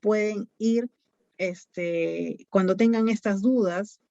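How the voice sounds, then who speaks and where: This is a slow, warm, mid-range female voice with some vocal fry, belonging to a psychologist with a Peruvian Spanish accent. She fields parents' questions in an online talk, explaining patiently but peppering her speech with "eh" and "este." There's no echo, just a dull, dry lo-fi sound.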